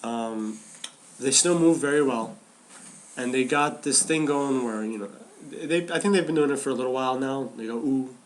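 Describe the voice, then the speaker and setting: A man's voice: mid-range voice, moderate pace, slight background noise. A man co-hosting a podcast, talking casually and animatedly about wrestling, often restarting and repeating phrases. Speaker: podcast co-host.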